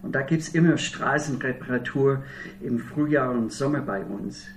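American preacher in a roomy hall. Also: male voice, mid-range voice, normal speed, a little hiss or hum. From Minnesota, USA. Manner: earnest storytelling with wry humor. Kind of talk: sermon. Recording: roomy hall heard from a distance.

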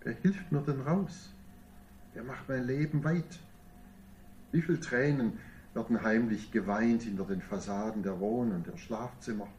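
Male pastor, sermon, dark mellow voice, measured delivery with emphatic peaks, distant mic. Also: mid-range voice, a little hiss or hum.

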